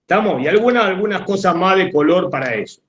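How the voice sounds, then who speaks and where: A man's voice: high voice, expressive, quick pace, fairly bright tone, roomy sound, lo-fi sound. A man teaching a class with a Rioplatense Spanish accent, explaining step by step and often checking that students follow. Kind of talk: classroom lecture.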